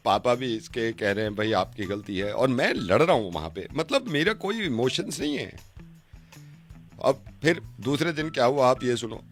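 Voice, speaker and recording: A male radio host playing Rajesh, a touchy, aggrieved husband who calls to complain and then shouts back, over a music bed. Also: medium pitch, lively intonation, moderate pace, pitched below the performer's own voice, close to an everyday voice. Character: aggrieved husband caller, touchy, quick to take offence. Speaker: radio prank caller. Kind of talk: radio prank call.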